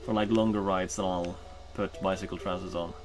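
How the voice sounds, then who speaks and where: Over music, a Norwegian man chats casually while streaming a game, rambling with frequent ums and uhs and correcting himself as he goes. His deep voice is steady in tone and fairly quick.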